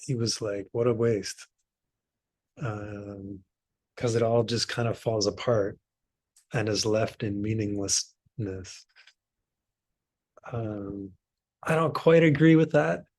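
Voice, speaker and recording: Slow easygoing guy leading a meditation group, dry close sound, lots of pauses. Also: on the low side, no room sound. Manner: relaxed, unhurried, thinks aloud with pauses. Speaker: meditation teacher. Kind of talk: casual talk to a meditation group.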